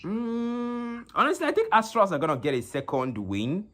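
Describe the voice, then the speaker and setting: A man hosting a live stream and commentating an esports tournament, talking haltingly with many fillers and repeated words into a phone. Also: a little high, huge pitch swings, sharp tone.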